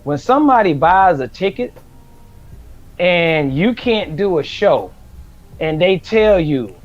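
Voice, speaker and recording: A man speaking emphatically as co-host of a casual radio show. His voice sits a little higher than most men's. The audio sounds slightly dull and muffled. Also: big pitch swings, slow pace. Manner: emphatic, repeats himself.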